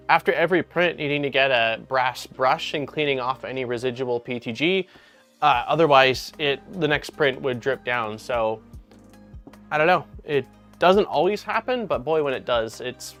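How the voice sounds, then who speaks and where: A man's voice: a little high, fairly bright tone. A man hosting a casual livestream, talking in an upbeat, rambling way with lots of fillers. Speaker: livestream host.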